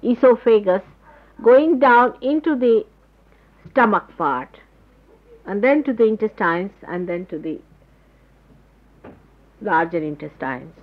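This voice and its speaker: Woman spiritual teacher, explanatory and unhurried, heard on a lo-fi old tape. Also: medium pitch, expressive. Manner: explanatory, gropes for words with pauses. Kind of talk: spoken spiritual talk to followers. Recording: dull lo-fi 1979 tape recording.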